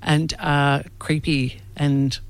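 A man co-hosting a casual travel podcast, lively and enthusiastic. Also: a little high, very slow, smooth, no room sound. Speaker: co-host. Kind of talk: casual chat.

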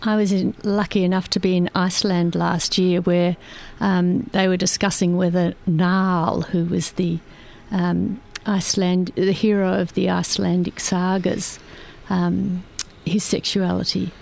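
Gravelly, flat-voiced woman radio guest. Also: fairly low pitch, unhurried. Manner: hesitant, searching for words. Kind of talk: casual radio panel chat.

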